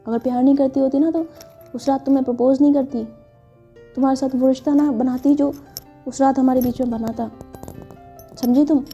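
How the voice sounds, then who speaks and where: A woman's voice: high-pitched, steady tone, brisk, long pauses, muffled recording, soft background music. A woman voicing a teasing, blunt young woman who snaps back at her partner in a spoken love story. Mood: indignant. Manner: teasing, sharp retorts.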